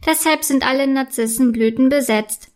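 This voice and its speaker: A woman voicing a small, shy fairy girl who speaks softly and wistfully in a storybook reading. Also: high-pitched, moderate pace, natural voice. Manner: soft and wistful.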